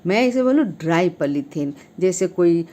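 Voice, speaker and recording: A woman hosting her own channel speaks earnestly to camera about civic duty. Expressive and at normal speed, she pushes her points with frequent rises in pitch and volume, pausing with fillers and restarts between phrases.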